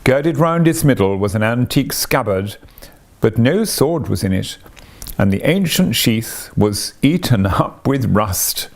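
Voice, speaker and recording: Gravel-voiced male storyteller. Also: medium pitch, lively intonation, measured pace. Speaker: audiobook narrator. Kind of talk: scripted literary narration.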